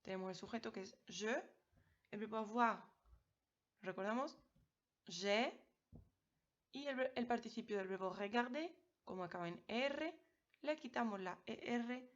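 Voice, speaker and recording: A woman's voice: fairly high pitch, moderate pace. Patient woman teaching a grammar lesson. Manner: clear, patient, addresses students directly. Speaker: French teacher. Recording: slightly dull lo-fi audio.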